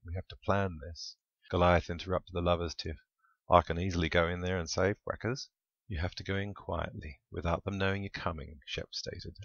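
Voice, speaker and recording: Man, deep, gravelly voice, wry storyteller, dull dry recording. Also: dry recording. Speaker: author reading his own book. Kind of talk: storybook narration, comic.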